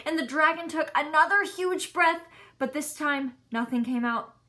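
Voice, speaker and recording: A woman reading a children's story aloud in an expressive, emphatic way. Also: high-pitched, normal speed.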